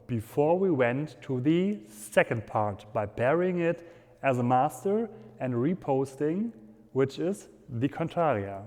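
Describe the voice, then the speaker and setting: A fencing instructor with a German accent demonstrates technique step by step, speaking slowly in halting, non-native phrasing. His voice is medium-pitched with a darkish tone, and the hall around him echoes with long reverb.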